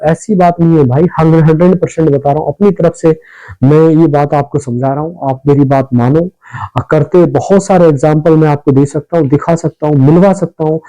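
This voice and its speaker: Fast-talking man giving business tips, mellow tone. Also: on the high side, low-quality recording. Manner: rapid, repetitive, addresses viewers as brother. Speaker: business ideas channel host. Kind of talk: casual advice talk to camera.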